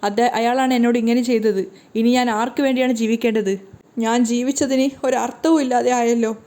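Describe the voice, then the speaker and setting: A woman's voice: fairly high pitch, steady tone, normal speed, mellow, close to an everyday voice. A woman voicing a betrayed middle-aged wife in a wheelchair, pleading in grief. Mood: grieving.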